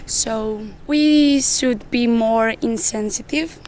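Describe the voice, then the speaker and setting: Young woman, halting and slow, light hum of noise behind. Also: a little high, darkish tone. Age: young adult. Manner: halting, searching for words. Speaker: youth exchange participant.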